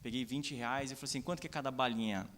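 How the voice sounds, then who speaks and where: A young adult Brazilian pastor with a Brazilian Portuguese accent preaches a sermon in a mid-range, slightly bright voice, talking fast with fairly even intonation. He tells personal stories, acts out the dialogue, and adds many "né?" asides, all carried by the long reverb of a church sanctuary.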